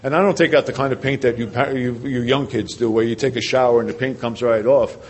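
New man at a podium sharing his recovery story, repeating phrases and questioning the room, average pitch. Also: fairly even intonation, fast, slight background noise. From New Jersey. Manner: earnest storytelling with rhetorical questions and repetition. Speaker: recovery speaker. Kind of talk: personal recovery story told to a meeting.

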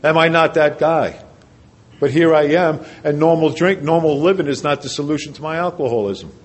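This recovery speaker from New Jersey has a fairly high-pitched voice and keeps a moderate pace. Sharing his own recovery story with a meeting, he speaks earnestly, repeating himself and posing rhetorical questions.

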